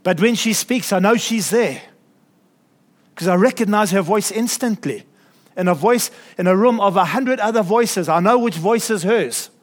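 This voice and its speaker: A man delivers a sermon in a high voice. He preaches earnestly and turns to his congregation with chuckling asides. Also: normal speed. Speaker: pastor.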